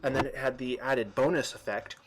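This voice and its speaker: A man's voice: medium pitch, steady tone, fairly quick, a little hiss or hum. A man chatting casually while streaming a game, rambling through trivia and explanations with frequent restarts. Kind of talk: casual gameplay chat.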